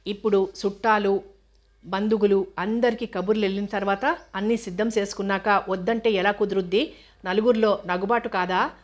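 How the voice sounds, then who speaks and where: A woman narrating a novel in a steady, even reading voice. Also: medium pitch, brisk. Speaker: audiobook narrator.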